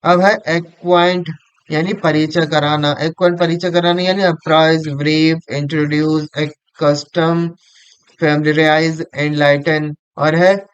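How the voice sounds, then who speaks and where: A man reading vocabulary lists aloud as a teacher, in a slow and halting way with restarts. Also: fairly high pitch, clear, resonant tone, no room sound, muffled recording.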